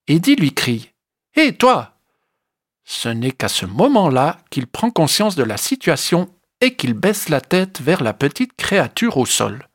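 A storyteller reading a children's animal story aloud in a slow, expressive way. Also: mid-range voice, no echo, studio quality. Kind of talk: scripted children's story narration.

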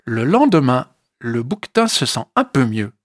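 A storyteller reading a children's animal story aloud in a slow, expressive way. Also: mid-range voice, dry recording, studio quality. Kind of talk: scripted children's story narration.

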